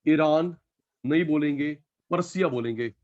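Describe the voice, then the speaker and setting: A man teaching economics in a live classroom lecture, calling on students by name and swinging between loud calls and quiet asides. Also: on the high side, normal speed, highs cut off.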